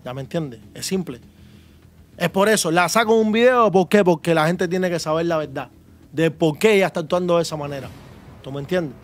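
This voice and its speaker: A man's voice: a little high, brisk. A man, talking confidently and boastfully as a guest in a casual chat, often tagging his points with a question. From Cuba. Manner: confident, boastful, keeps asking "¿sabes?".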